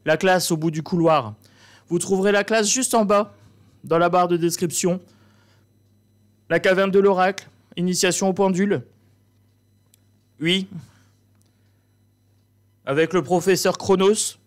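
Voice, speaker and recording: Guy doing a bossy fake teacher bit, high voice, theatrical. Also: fairly even intonation, unhurried, pauses often. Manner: mock-stern, theatrical. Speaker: host. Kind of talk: comic teacher role-play.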